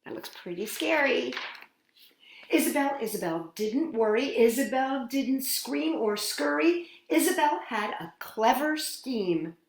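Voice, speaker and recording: A children's storytime host with a high-pitched voice and a touch of vocal fry reads a picture book to little kids, her pitch swinging dramatically from line to line. She draws words out and pauses for effect in a slow, expressive, sing-song manner, and the space around her echoes clearly.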